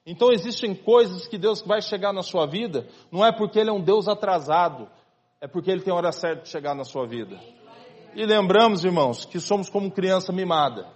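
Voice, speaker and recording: A male pastor preaching with a high, husky voice. He keeps it conversational, stepping aside to speak straight to the congregation as brothers. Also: lively intonation, a little fast. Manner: conversational preaching, calls listeners "irmão". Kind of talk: sermon.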